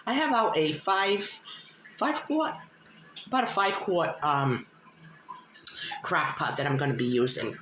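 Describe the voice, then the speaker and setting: A woman's voice: low voice, animated, unhurried, pauses often, a bit bright. A woman giving a casual home cooking demonstration in a homely, plain-spoken way, a little short of breath as she recovers from illness. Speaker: host of a home cooking vlog. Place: indoors at home, in a kitchen. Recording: roomy echo, clear background noise.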